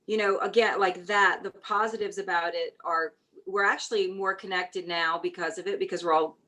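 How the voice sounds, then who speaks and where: A woman from New Orleans, a shop owner talking as an interview guest, telling her story in a chatty, animated way. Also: fairly low pitch, moderate pace, poor audio. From New Orleans, USA. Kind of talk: casual conversational interview.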